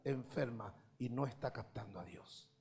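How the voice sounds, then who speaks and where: Gravelly pastor preaching with rising fervor. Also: male voice, medium pitch, moderate pace. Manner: impassioned preaching that swells to loud emphatic peaks. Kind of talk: sermon. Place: church service.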